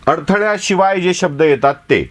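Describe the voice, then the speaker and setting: A man's voice: high voice, moderate pace. A man teaching a class, who sounds out letters one by one and keeps asking the students rhetorical questions. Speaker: journalism teacher. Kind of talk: classroom lecture.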